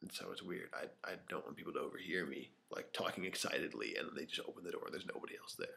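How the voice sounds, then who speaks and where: Deep-voiced young man rambling to camera. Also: animated, quick pace, vocal fry, bright, forceful tone. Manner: rambling, many fillers, drops to a whisper at times. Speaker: vlogger. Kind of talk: unscripted casual storytelling to camera. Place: small empty room with open windows. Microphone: camera microphone.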